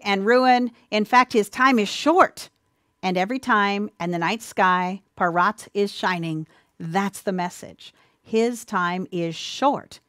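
A woman giving an earnest, sermon-style Bible teaching, speaking warmly to listeners as dear ones, with a few ums and restarts. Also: medium pitch, no echo, clean studio sound. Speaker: presenter of a church teaching.

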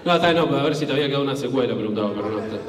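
A man with an Argentine Spanish accent doing stand-up crowd work on a comedy club stage, loose and animated, swearing and acting out scenes. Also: medium pitch, very fast. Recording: echoey hall, taped from far off.

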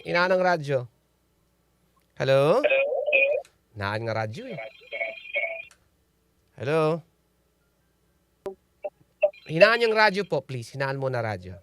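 A man's voice: fairly high pitch, very animated, slow pace, long pauses, fairly bright tone, clean tone, dry recording, clean studio sound. A man hosting a call-in radio show, teasing callers and laughing often. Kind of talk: playful call-in radio banter. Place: radio studio.

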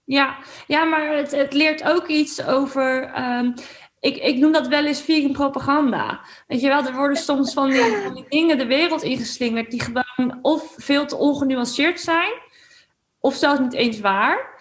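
A woman's voice: sits high, normal speed, slight background noise. A woman from the Netherlands hosting a podcast, asking questions in a chatty way, searching for words as she talks. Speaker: podcast host. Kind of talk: casual interview.

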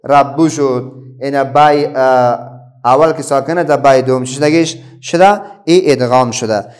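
A middle-aged man with an Afghan Dari accent teaching a children's reading lesson, patiently asking questions and then answering them himself. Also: mid-range voice.

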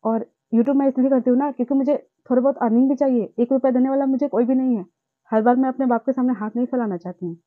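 A woman's voice: sits high, steady tone, fast, dry recording. A young woman vlogging about her own life, speaking in an impassioned, repetitive and indignant way. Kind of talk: emotional personal vlog monologue. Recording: tinny phone-like sound.

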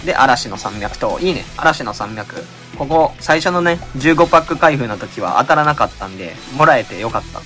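A man with a Kansai accent chatting casually as he opens card packs, reading out each card and crying out in excitement at good pulls. His voice has been a little out of shape lately. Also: medium pitch, normal speed, hardly any pauses, faint music behind. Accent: Kansai Japanese. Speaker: channel host. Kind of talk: casual card-pack opening commentary.

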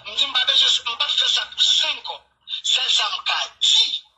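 A man's voice: extremely high pitch, animated, a little slow, sharp tone, poor audio. A man with a Haitian accent in casual radio talk, rambling and repeating phrases.

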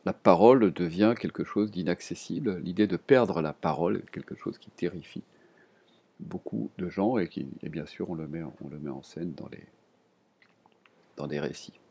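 Male teacher, relaxed and hesitant delivery, deep mellow voice; desk recording. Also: slightly rough. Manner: relaxed, hesitant, with many fillers and restarts. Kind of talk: explaining vocabulary to students.

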